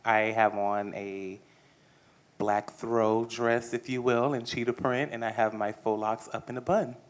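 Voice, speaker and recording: A man introducing himself on a conference panel in a measured, descriptive way. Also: mid-range voice, steady tone. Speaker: panelist, performance artist.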